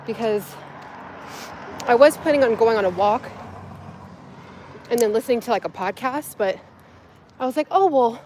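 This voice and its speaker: A woman's voice: on the high side, moderate pace, pauses often, darkish tone, a little hiss or hum. A woman fitness vlogger chatting casually with live viewers while climbing a steep hill outdoors, breathing hard and full of fillers. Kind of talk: casual livestream chat while hiking.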